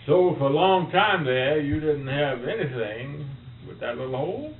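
A man's voice: a little high, animated, normal speed. A man in casual conversation, talking in plain, folksy country speech on a tinny, humming tape. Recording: roomy, tinny tape with faint hum.

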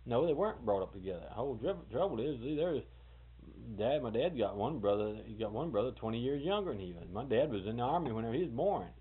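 A man's voice: medium pitch, animated, quick pace, breathy edge. A man, rambling and correcting himself as he tells family history in a casual interview. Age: 40s. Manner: rambling, folksy, self-correcting. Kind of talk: casual oral history talk. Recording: tinny old tape with hiss.

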